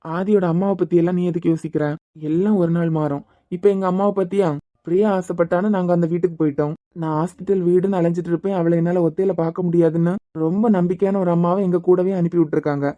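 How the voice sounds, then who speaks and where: A woman voicing a steady, comforting adult man, a doctor like an elder brother, advising a hurt young woman. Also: fairly low pitch, quick pace, no room sound, highs cut off, close to an everyday voice. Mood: reassuring. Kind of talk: Tamil audio drama acting.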